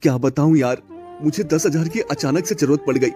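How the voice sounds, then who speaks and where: A man's voice: a little high, a little fast, dark tone, faint music behind, close to an everyday voice. A man voicing a hot-tempered, suspicious farmer in a cartoon story, talking in a sulky, accusing way.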